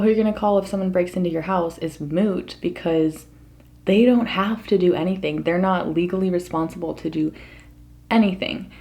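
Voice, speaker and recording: Low-pitched American woman, earnest and emphatic. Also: darkish tone. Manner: earnest, emphatic, swears casually. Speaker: mukbang vlogger. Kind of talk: casual opinion monologue to the audience.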